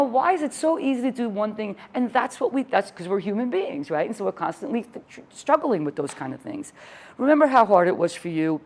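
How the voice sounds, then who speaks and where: An older woman in her sixties teaches a room of trainers with a fairly low voice. She talks with energy and enthusiasm and tells stories with plenty of feeling. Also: darkish tone. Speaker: fitness educator leading a workshop. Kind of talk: workshop lecture to trainers.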